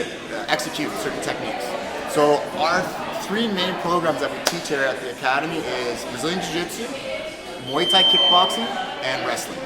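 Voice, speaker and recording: A man who teaches at a jiu-jitsu academy, explaining his programs steadily with filler pauses. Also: on the high side, heavy background noise. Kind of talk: interview explanation. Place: martial arts academy. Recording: echoey hall with loud music.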